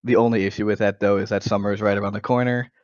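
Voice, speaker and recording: This American man in his twenties, from the United States, co-hosts a gaming podcast and chats casually in a lowish, resonant voice, with a flat, rapid-fire delivery that stays clear apart from an occasional stutter. His cheap gaming mic yields dry, dull audio.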